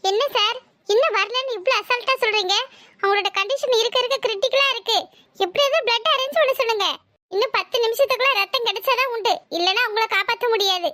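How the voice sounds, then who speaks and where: A woman voicing a curt female hospital doctor in a cartoon, brisk and dismissive. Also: very high-pitched, bright, forceful tone, no echo. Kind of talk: cartoon voice acting.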